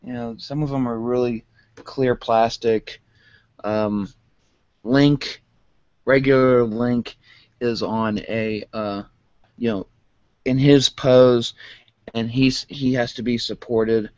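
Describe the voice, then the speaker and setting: A man with a self-described monotone voice chatting casually through a toy unboxing, rambling with lots of fillers. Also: medium pitch, slow pace, long pauses, no room sound, muffled recording. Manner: rambling, many fillers, calls own voice monotone. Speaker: vlogger.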